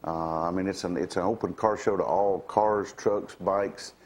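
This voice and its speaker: Low-voiced man hosting chat. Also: steady tone, moderate pace, a little mellow. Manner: rambling, with many fillers. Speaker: morning show host. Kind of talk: casual chat.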